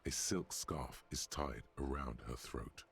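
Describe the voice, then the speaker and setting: An actor voicing a game's male narrator, deep and gravelly, with a husky, wry, ominous delivery over faint music. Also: slow, fairly bright tone, full character voice. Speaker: game narrator.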